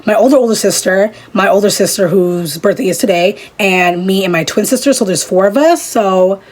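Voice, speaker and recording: A woman's voice: mid-range voice, moderate pace, darkish tone. Chatty young woman doing a makeup tutorial. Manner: chatty, rambling, fond of "literally" and "like". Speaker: beauty vlogger. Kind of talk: casual chat over a makeup tutorial.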